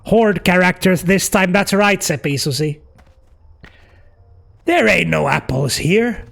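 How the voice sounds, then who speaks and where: Playful man with a gravelly voice. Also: high voice, slow pace, a bit bright. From Finland. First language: Finnish. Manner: joking, playful, teasing. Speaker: streamer. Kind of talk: casual live game chat.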